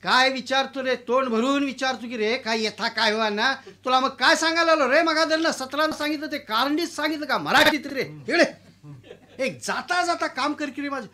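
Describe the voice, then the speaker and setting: Storytelling: a man voicing a shrill, bossy village landlord, mocking tone. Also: expressive, moderate pace, bright, forceful tone, exaggerated voice. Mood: scolding.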